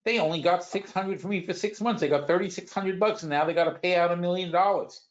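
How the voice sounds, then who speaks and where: A man's voice: high-pitched, fast talker, lo-fi sound. A man hosting a stock market webinar, explaining finance in a rambling way with frequent restarts and worked examples. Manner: rambling, restarts often, talks through examples. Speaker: webinar host.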